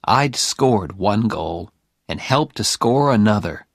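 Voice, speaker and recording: Slow, expressive male story reader. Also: lowish voice, no room sound, studio quality. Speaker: audiobook narrator. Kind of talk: first-person story reading for learners.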